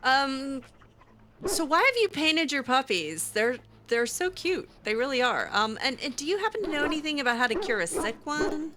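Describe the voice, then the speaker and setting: A roleplay gamer voices her character in an improvised, chatty, hesitant way with a bit of cuteness while playing a video game. She speaks high, with big pitch swings and a moderate pace, and background noise is audible.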